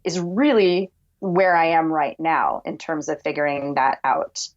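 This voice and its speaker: Soothing low-voiced woman, muffled audio. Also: a little slow. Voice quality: soothing, relaxed voice. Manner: reflective, speaks in long winding thoughts with frequent "like". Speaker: podcast producer, guest. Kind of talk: casual conversational interview.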